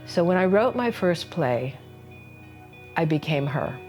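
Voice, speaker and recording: An older woman with a low voice and an unhurried pace, teaching through a personal story. Her telling is earnest and confiding, and faint music plays underneath. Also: animated, darkish tone. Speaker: solo-performance teacher.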